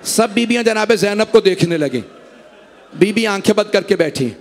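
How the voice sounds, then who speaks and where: A man's voice: high-pitched, lively intonation, moderate pace. A man reciting a Muharram majlis, impassioned and pleading with the gathering. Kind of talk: emotional Muharram majlis sermon. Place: imambargah gathering.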